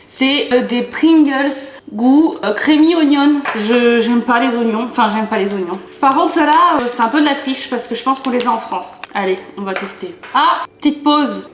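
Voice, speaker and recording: A woman's voice: on the high side, echoey room. A young woman casually chatting to camera at home, tasting snacks and murmuring as she eats. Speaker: food taster vlogger. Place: home living room, at low table.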